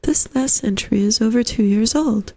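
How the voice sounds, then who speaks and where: A woman's voice: on the high side, normal speed, warm tone. A woman voicing an earnest young male lodger in a story, musing in a hesitant, courteous way. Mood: earnest, puzzled. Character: polite, puzzled, earnest young man, a lodger. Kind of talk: storybook character voice.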